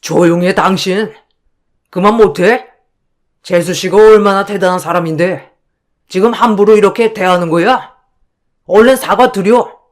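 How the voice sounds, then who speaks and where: A woman's voice: mid-range voice, unhurried, pauses often, lightly acted. A woman doing a pompous, blustering brother-in-law. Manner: pompous, commanding scolding.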